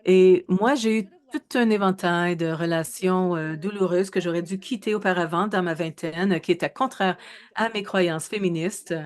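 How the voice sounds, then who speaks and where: This webinar speaker, a woman in her thirties, has a voice on the low side. She walks through her research in a measured manner, pausing hesitantly and correcting herself often.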